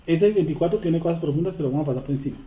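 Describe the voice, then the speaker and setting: A man's voice: a little high, rapid-fire. Man teaching scripture over a tinny line. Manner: asks the class rhetorical questions and reads scripture aloud. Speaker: Torah study teacher. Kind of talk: weekly scripture study class. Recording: tinny, echoey phone-like recording.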